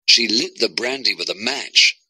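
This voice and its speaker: A male storyteller reading a graded-reader story. His lowish voice rises and falls expressively as he reads clearly. The recording is close and dry. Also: animated, normal speed, sharp tone, no room sound. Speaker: narrator.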